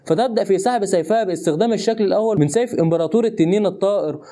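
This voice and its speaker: A man narrating a scripted comic recap in rapid, continuous storytelling. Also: sits high, mellow.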